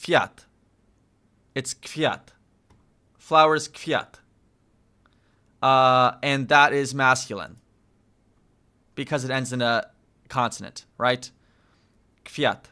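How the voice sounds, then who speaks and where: A man who is a native English speaker practices Polish with an English-speaking accent, thinking aloud casually, repeating phrases slowly and checking himself with questions. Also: medium pitch, pushed and bright. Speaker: language learner streaming his study.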